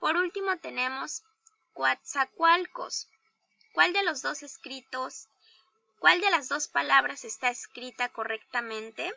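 A woman teacher with a Mexican Spanish accent, giving a slow, deliberate grammar lesson to young children and asking them questions. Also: high voice, vocal fry, sharp tone, dry recording, highs cut off. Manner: slow, deliberate, spells out each example; addresses pupils directly with questions. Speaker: primary school teacher.

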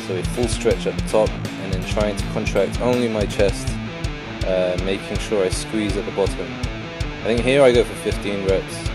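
A man with a hoarse, croaky frog-in-the-throat voice from a sore throat, plainly explaining a workout in voice-over. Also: low voice. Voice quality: croaky, froggy voice. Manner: plain, instructional. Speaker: vlogger, fitness trainer. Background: prominent guitar music.

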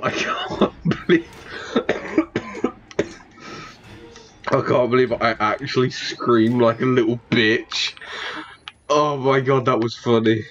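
A man's voice: medium pitch, fairly even intonation, a little slow, a bit bright, highs cut off, faint music behind. A man giving profane commentary while playing a horror game, laughing often and talking back to the game. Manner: swears a lot, laughs often, talks to the game. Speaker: let's play gamer.

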